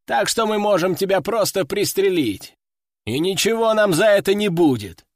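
A man's voice: high-pitched, expressive, moderate pace, no echo, clean studio sound, voice pushed up. A man voicing a mocking, brutal male squad commander in an audiobook, sneering and menacing. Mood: boastful. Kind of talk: audiobook character voice.

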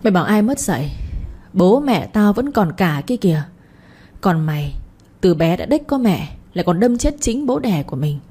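Sly village thief voiced by a woman, taunting, quick, husky. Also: mid-range voice, big pitch swings, mellow. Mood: scornful. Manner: taunting, fast and scornful. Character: sly village thief Tuấn, young man, spiteful.

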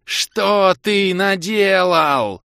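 A monstrous female fire cobra, as a male narrator puts her on, bellowing her demands in a high, strained voice and stretching every word out slowly. Furious and commanding, she sounds like a creature from an audiobook fantasy. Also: big pitch swings, pushed and bright, no room sound, clean studio sound, full character voice. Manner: roaring, slow, drawn-out demands.

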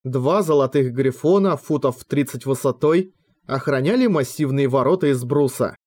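A man narrating a fantasy novel as an audiobook in a measured storytelling manner, lightly voicing the dialogue. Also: medium pitch, darkish tone.

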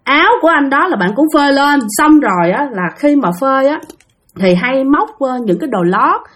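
Southern Vietnamese woman, high and lively, chatty story narrator. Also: a little fast. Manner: chatty, addresses listeners directly. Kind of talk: spooky-story narration to listeners.

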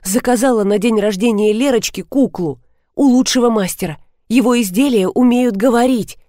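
A woman's voice: on the high side, moderate pace, mellow, dry recording, clean studio sound, lightly acted. A woman voicing a pushy, frantic young mother who is insistent and tearful.

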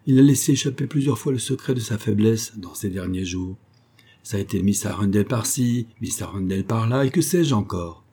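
A man reading an audiobook, voicing a cheerful young soldier of twenty-one who teases his cousin in a breezy, lively way. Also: mid-range voice, slightly rough.

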